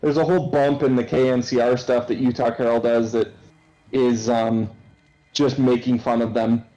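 A man's voice: medium pitch, level tone, normal speed, warm tone, highs cut off. A man chatting casually on a game stream in a sweary, colloquial, opinionated way.

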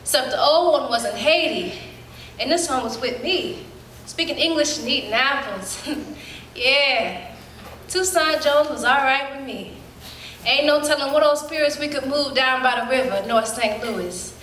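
Woman performing a spirited storyteller recalling girlhood. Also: a little hiss or hum. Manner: lively storytelling, colloquial, with quick leaps up in pitch. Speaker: stage actor. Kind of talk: dramatic monologue in a staged reading. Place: theater stage. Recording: roomy hall.

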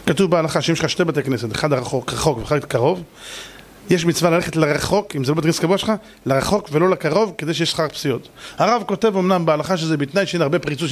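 A rabbi giving a Torah lesson. He tells stories emphatically and dramatically, and acts out the characters. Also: a little high.

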